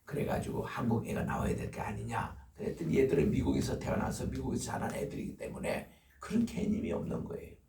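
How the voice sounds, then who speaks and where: An older man, a pastor, preaching a sermon with lively storytelling and acted-out scoldings. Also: medium pitch, fast, creaky, few pauses, slight background noise. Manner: animated storytelling, acting out scolding voices. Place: church sanctuary. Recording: echoey church hall from far off.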